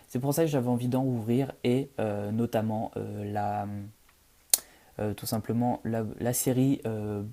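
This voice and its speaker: A young man with a dark, mellow voice talks casually to his viewers while opening a card pack. He speaks haltingly, stopping and restarting often and padding his sentences with fillers. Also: medium pitch. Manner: hesitant, halting, full of fillers. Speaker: card collector vlogger. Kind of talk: casual unboxing chat.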